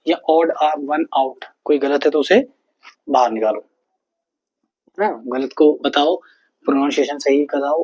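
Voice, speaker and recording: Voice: mid-range voice, darkish tone, muffled recording. A teacher giving an online exam-prep lesson in Hindi, patiently explaining rules and repeating mnemonics several times while checking in with the listener.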